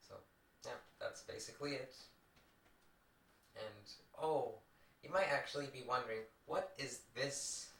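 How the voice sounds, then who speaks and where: A man's voice: medium pitch, a little slow, gravelly, pauses often, pushed and bright. A man giving a rambling, casual to-camera monologue, full of restarts and digressions, recorded onto an old VHS tape. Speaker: video maker. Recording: VHS tape recording, echoey, distant mic.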